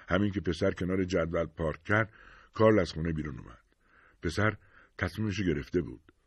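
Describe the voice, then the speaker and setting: A man calmly narrating a short story in an audiobook, measured and even. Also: low-pitched, breathy edge, no room sound. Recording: dull dry recording.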